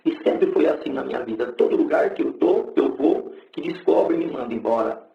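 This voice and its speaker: In a church, a middle-aged man preaching a testimony sermon tells his story in plain, colloquial language. His medium-pitched voice is expressive, creaky, and a little fast, captured in an echoey, dull lo-fi recording.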